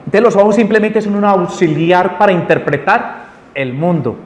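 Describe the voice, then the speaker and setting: A man teaching a spiritual lesson to a group, animated, often asking the audience questions. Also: high voice, moderate pace. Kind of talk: lecture to a group. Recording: echoey room with long reverb, faint noise.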